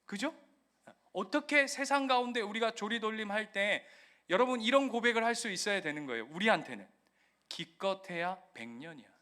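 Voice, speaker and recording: A man's voice: high voice, bright, forceful tone. A man preaching a sermon as pastor, talking with the congregation in a chatty way, asking them questions and acting out mocking voices.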